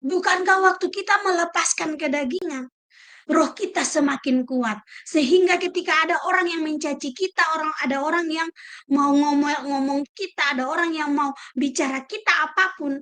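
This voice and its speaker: High-voiced, animated woman preacher. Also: normal speed. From Indonesia. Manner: emphatic, lively preaching with acted-out quotes. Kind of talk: sermon.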